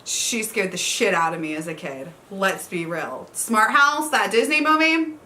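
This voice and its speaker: A woman's voice: mid-range voice, lively intonation, a little slow, background noise. A woman, chatting casually about books for a vlog, laughing and swearing. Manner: chatty, swears, says y'all, laughs often. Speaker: book vlogger. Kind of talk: casual book tag chat.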